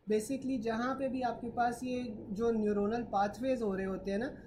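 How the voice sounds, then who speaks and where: Woman w/ teaching a med class online, kinda high voice, slight hiss behind. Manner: explanatory, checks in with students often. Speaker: medical tutor.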